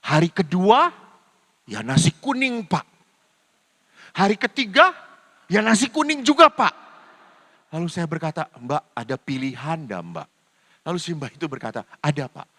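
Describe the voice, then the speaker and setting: Older man, priest, bright high voice, playful storytelling sermon, long hall reverb. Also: very animated, moderate pace, pauses often. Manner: storytelling, mimics dialogue with voice changes. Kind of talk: humorous sermon with acted anecdotes.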